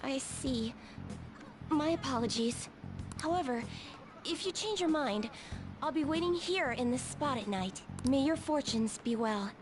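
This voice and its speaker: A woman playing a polite, solemn young fortune teller in a video game, formal, gentle and earnest. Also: high-pitched, lively intonation, a little slow, noisy background. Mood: apologetic. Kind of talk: video game dialogue acting. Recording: background music under dialogue.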